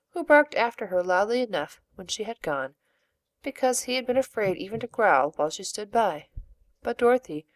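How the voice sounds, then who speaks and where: A woman narrating a storybook in a calm, even manner. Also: mid-range voice, dry recording. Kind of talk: storybook reading.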